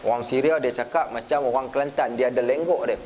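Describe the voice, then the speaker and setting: A man's voice: medium pitch, fast, darkish tone. A man preaching in a mosque, animatedly acting out a story with Arabic and dialogue. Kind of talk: lively storytelling sermon. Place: mosque, to a seated audience. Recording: dull lo-fi recording with faint hiss.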